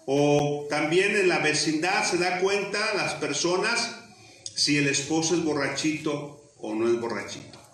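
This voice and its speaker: A man's voice: fairly high pitch, animated, unhurried, a bit bright. A man, a priest reading the gospel and preaching in a plain, conversational way, heard with cathedral echo. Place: large church. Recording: cathedral echo, distant mic, faint noise.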